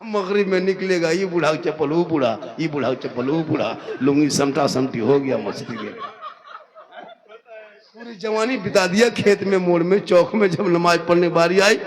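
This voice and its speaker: A man in his fifties with a regional Hindi accent from Jharkhand, preaching a humorous sermon at a religious gathering. He swings between loud declaiming, sing-song chanting and joking asides. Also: high voice. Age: 50s.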